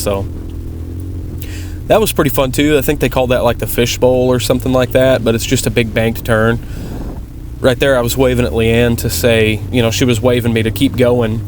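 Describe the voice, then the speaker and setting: A man with a mid-pitched voice narrates a motovlog in a casual, conversational way. He is plain-spoken and tends to ramble as he comments on race footage. Clear vehicle noise runs behind his voice. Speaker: motovlogger and amateur dirt bike racer.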